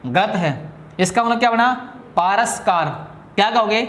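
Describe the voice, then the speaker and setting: In a roomy, echoing classroom, a man with a high, somewhat bright voice and a Hindi accent lectures on grammar. He poses questions to students only to answer them himself, stretching out important words slowly.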